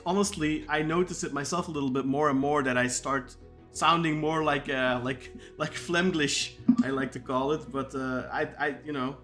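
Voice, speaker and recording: A man's voice: on the high side, fairly even intonation, normal speed, a bit bright, faint music behind. A man from Belgium, a Dutch speaker talking in English as a podcast co-host and football writer, rambling and repeating words as he goes. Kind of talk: casual podcast chat.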